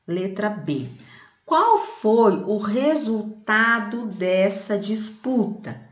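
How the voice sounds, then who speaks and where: A woman's voice: medium pitch, lively intonation, very slow, roomy sound. A Brazilian woman teaching a lesson and reading a children's poem aloud, explaining to the class with frequent "né" and "tá".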